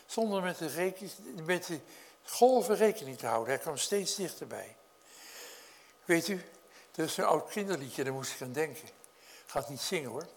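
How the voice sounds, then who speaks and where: Male preacher, earnest, higher voice, loud in the story, quiet in reflection. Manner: earnest, rises in pitch and volume when storytelling, drops low for reflection; addresses congregation directly with questions. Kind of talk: sermon.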